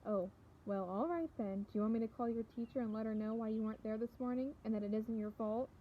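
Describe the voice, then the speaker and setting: A woman's voice: fairly high pitch, fast talker, natural voice. Woman reading a soothing, easygoing mother, storybook voice, dull audio with background noise. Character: gentle, easygoing adult mother.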